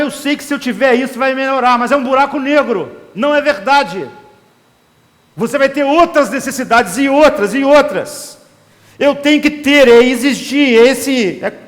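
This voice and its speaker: A man's voice: extremely high pitch, fairly bright tone. A man preaching an impassioned sermon, acting out the inner voices of desire. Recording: long hall reverb.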